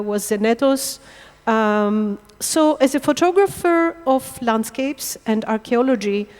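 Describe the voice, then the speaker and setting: A middle-aged woman from Israel lectures about her photography. Her voice is smooth, resonant and sits a bit high, and she speaks haltingly as she searches for words. The talk echoes with the long reverb of a large hall. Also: a little mellow. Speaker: architectural photographer giving a lecture. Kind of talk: public lecture. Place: lecture hall under stage lights.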